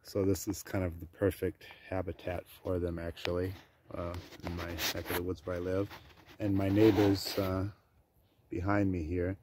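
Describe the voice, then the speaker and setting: A middle-aged man with a very low voice talks casually to his camera about life on his farm. He rambles, pausing often on ums and uhs as he goes. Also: noisy background. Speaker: farm vlogger.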